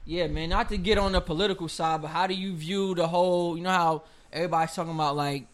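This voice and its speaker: Host: man, fairly high voice, casual talker full of fillers. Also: steady tone, fast. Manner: casual, heavy use of filler "like". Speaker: interviewer. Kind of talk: casual interview.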